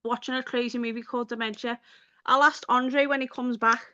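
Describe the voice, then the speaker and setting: Here a livestream host from Liverpool talks chattily to her viewers, laughing often, at a slightly fast clip. Her voice is on the high side and sharp with little pitch movement, and the dull lo-fi stream has slight background noise.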